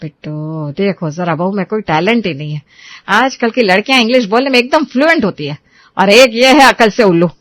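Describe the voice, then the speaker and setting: A woman's voice: mid-range voice, lively intonation, fairly quick, a bit bright, no echo, lightly acted. A woman voicing a haughty, short-tempered middle-aged mother-in-law in a cartoon, scolding and mixing English phrases into her talk. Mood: scornful.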